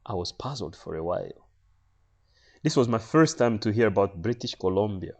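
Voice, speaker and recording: Man from congo, storytelling, animated, lively pitch, casual. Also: moderate pace. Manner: animated, conversational with fillers. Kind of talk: amateur comic storytelling.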